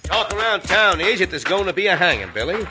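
A man playing a slow-witted Western outlaw henchman who talks in a hesitant, stammering, folksy way. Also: high voice, big pitch swings, heavy background noise. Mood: uneasy.

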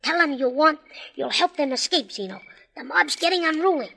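A woman playing a cool, calculating Western outlaw boss who talks briskly and gives orders. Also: high voice, lively intonation, gravelly, bright, forceful tone, heavily acted. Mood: bossy, urgent.

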